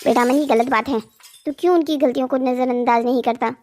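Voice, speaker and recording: A voice actor playing a gentle, worried mother in a cartoon story, speaking softly to calm her son. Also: high-pitched, fast talker, a little hiss or hum, natural voice. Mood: pleading. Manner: soft, calming, pleading.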